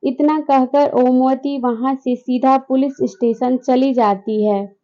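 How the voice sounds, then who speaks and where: A woman's voice: sits high, fairly even intonation, slow pace, mellow, highs cut off. A woman telling a family story as scripted narration, reading each character's lines in her own voice after naming them.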